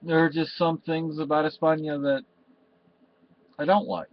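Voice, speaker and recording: A slightly high-voiced older man from Spain vlogs from a cluttered room at home, talking at normal speed with a flat delivery. His emotional, meandering talk to the webcam in front of him is peppered with restarts and "you know." The recording is dry, and the webcam audio sounds slightly dull and lo-fi.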